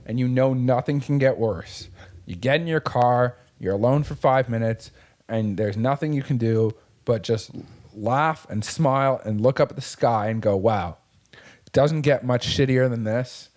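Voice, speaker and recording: A man's voice: medium pitch, a little mellow. A man co-hosting a podcast in casual chat, talking bluntly and motivationally with frequent swearing. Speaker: podcast co-host.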